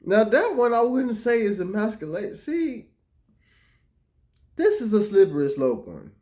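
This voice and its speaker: A man with a high voice talks through a reaction video, casual and profane. He drops to quiet mutters and then jumps into loud, excited outbursts. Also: unhurried. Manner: animated, profane, swings from mumbling to loud outbursts. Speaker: commentator reacting to clips. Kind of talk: reaction commentary.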